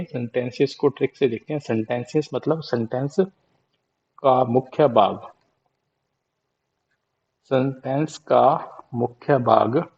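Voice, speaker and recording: A man with an Indian accent teaching a vocabulary lesson, repeating mnemonic phrases slowly to drill them in. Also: mid-range voice, darkish tone, lo-fi sound. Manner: slow repetitive drilling of mnemonics.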